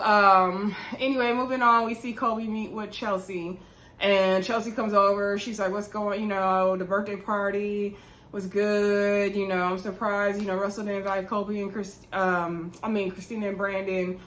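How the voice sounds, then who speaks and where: A YouTube reality show recap host, a woman, chats casually and opinionatedly through a TV episode, addressing her viewers directly. Her medium-pitched voice stays fairly flat in pitch, unhurried and a bit bright, and the indoor recording sounds roomy and echoey.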